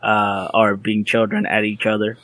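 A young man co-hosting a podcast, recapping casually with halting restarts and blunt swearing. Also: on the low side, monotone, fairly bright tone, dry recording. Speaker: podcast co-host. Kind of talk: casual anime recap chat.

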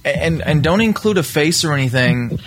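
A man hosting a casual podcast chat, excitable and teasing. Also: fairly high pitch, normal speed, faint music behind. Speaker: podcast host.

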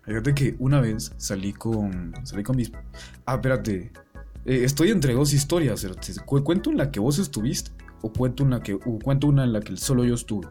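A man's voice: medium pitch, expressive, moderate pace, dark tone, faint music behind. A man, co-hosting a podcast and telling stories in casual chat, rambling and swearing a lot. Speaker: podcast co-host.

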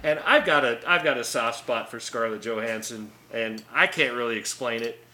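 A man's voice: medium pitch, normal speed, bright, forceful tone. A man co-hosting a podcast in casual chat, rambling with many restarts and fillers and laughing often. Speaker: podcast co-host.

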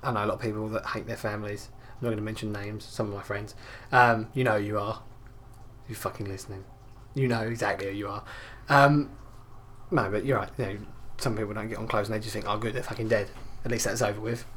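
A man's voice: on the low side, fairly even intonation, fast, a bit bright, a little hiss or hum. A man hosting a podcast, rambling through crude, swearing banter and laughing often.

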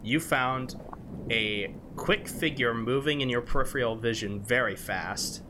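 A man narrating as game master of a tabletop game, loose and halting, with many fillers. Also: mid-range voice, noisy background.

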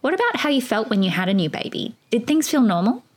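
A woman's voice: on the high side, very animated, fast. A woman, hosting with scripted narration and questions. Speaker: host.

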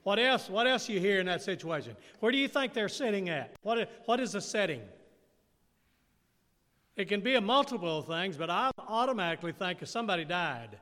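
A man with a high, bright, forceful voice delivers an interactive sermon and keeps firing questions at his listeners. His words ring out with a long reverberant tail from the hall. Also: lively intonation, a little fast. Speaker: preacher.

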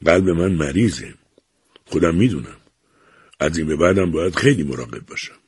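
A fretful older father from a storybook who is convinced he is sick, as a male narrator plays him. He speaks in a weak, complaining voice that stays husky and breathy, with lively swings in tone, close to the mic. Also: low voice, no room sound, exaggerated voice. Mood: gloomy.

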